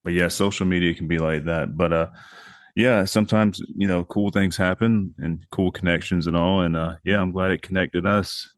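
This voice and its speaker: Low-voiced laid-back male podcast host. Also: fairly even intonation, moderate pace, dry recording, clean studio sound. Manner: laid-back, rambling, swears casually, many fillers. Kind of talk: casual horror podcast chat.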